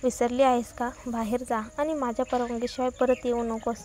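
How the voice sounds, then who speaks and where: A woman's voice: a little high, flat delivery, brisk, a little mellow, lightly acted. A woman voicing a cold, stern wealthy man who gives harsh commands.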